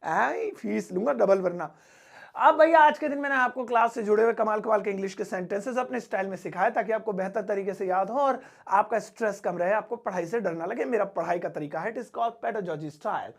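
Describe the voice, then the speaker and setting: A man's voice: high-pitched, brisk, creaky. A man teaching English phrases in a playful lesson, joking and acting out scolding teachers and children. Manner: jokey, acts out scolding teachers and kids.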